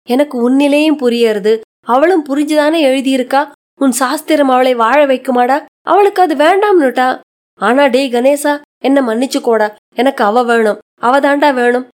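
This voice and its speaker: A woman's voice: fairly high pitch, close to an everyday voice. A woman reading a short story aloud, voicing an aged widowed grandmother who reproaches and pleads in old-fashioned homely speech. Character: aged widowed grandmother, grieving yet resolute.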